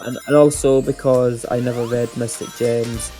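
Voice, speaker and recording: A man's voice: mid-range voice, steady tone, normal speed, warm tone. Sarcastic guy reading entries out on a stream, mid voice, faint game music. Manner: dry, sarcastic, stumbles and restarts. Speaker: co-host reading entry descriptions. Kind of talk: casual chat, reading aloud.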